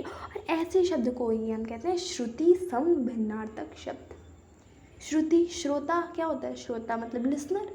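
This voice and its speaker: A woman with a high, light voice teaches a grammar lesson, reading out word after word with its meaning. She stops to explain with simple everyday sentences and draws out each pair slowly so it can be followed. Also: dark tone, a little hiss or hum.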